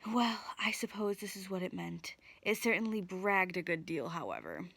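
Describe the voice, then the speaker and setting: A woman's voice: lowish voice, sing-song, normal speed, creaky, fairly bright tone, dry recording, heavily acted. Lady storyteller doing a cocky folk tale trickster guy, mischievous, scoffing, exclaims a lot. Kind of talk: storybook character voice.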